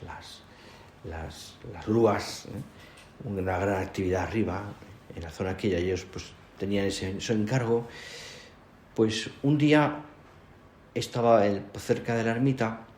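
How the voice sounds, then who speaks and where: Man preaching a halting sermon in an echoey room. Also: deep voice, darkish tone, a little hiss or hum. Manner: halting, repeats words, frequent "¿eh?" tags. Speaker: priest. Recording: echoey room, faint ambience.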